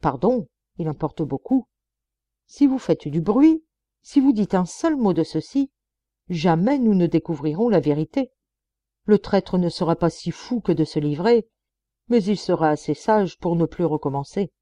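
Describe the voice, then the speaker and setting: A woman voicing a shrewd young male police detective who reasons calmly and persuasively. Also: lowish voice, unhurried, no echo.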